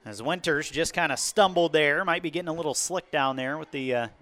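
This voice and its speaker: An American man giving live play-by-play commentary on a football game, moving between measured description and raised-voice calls. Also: on the high side, sharp tone.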